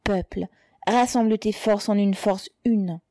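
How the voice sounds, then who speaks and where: A woman reading a story, voicing an aging mother who cries out defiantly at gendarmes in a hoarse, strained voice. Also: mid-range voice, a little slow, warm tone, dry recording, close to an everyday voice.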